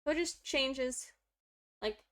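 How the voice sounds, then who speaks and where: Speaking slowly, with a fairly bright tone, a young woman walks through Korean grammar on her study stream. Her style is chatty and self-deprecating, peppered with fillers, and she coos at her pet in a high baby voice.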